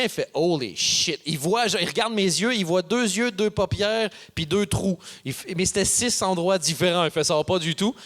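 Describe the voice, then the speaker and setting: Animated stand-up comedian. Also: male voice, sits high. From Canada. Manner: animated, acts out characters with voices. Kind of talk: stand-up storytelling. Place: theater stage before an audience.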